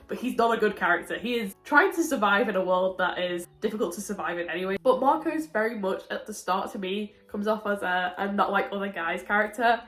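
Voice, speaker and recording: A woman's voice: medium pitch, fairly bright tone. A sick woman reviewing a book in casual chat, her voice muffled as if heard through a window, chatty and often laughing. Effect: muffled, as if talking through a window. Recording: echoey room.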